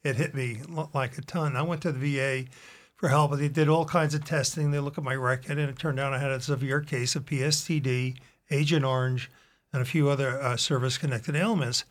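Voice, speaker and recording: A man's voice: medium pitch, fairly even intonation, fairly quick. An older man in his seventies, a veteran from Long Island, recalling his service and life in a personal radio interview. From Long Island, New York, USA. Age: 70s. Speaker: guest, retired veteran and painter.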